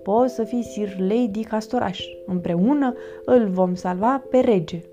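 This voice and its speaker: A woman's voice: medium pitch, music in the background, natural voice. A woman voicing an eager young turtle boy in a storybook reading.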